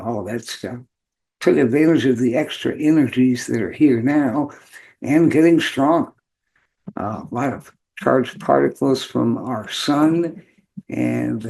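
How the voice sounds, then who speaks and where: Male show host, hoarse and gravelly, mid-range voice, loose halting delivery, talks informally to the audience. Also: medium pitch, darkish tone, rough recording. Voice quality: hoarse, beat-up voice.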